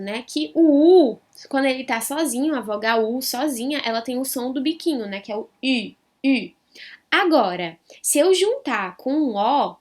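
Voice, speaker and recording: A woman with a Brazilian Portuguese accent teaching a French lesson online. She repeats each sound slowly and clearly for learners and keeps checking in with the viewer. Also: high voice. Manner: chatty, with frequent check-ins to the viewer.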